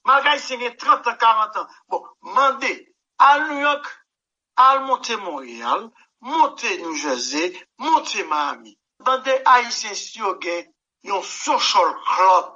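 A man's voice: extremely high pitch, lively intonation, unhurried, pushed and bright. A man, a musician answering interview questions in a rambling, emphatic way and often saying "mon cher". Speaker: musician guest. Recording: dull lo-fi recording.

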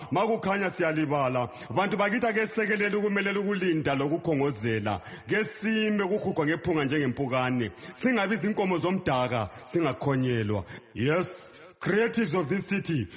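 A man reciting a praise poem in a rhythmic, declamatory chant. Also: on the high side. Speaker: praise poet.

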